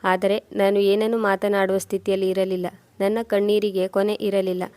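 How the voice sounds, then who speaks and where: Woman narrating in a flat, even tone. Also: medium pitch, normal speed, no echo. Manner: sorrowful, steady reading. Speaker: storyteller. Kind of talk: first-person story narration.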